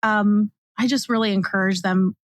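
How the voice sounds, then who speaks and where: A woman's voice: medium pitch, fairly even intonation, moderate pace, no echo. A woman in her mid-forties, a podcast guest, talking earnestly and encouragingly in casual chat. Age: 40s. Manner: earnest, encouraging, many fillers.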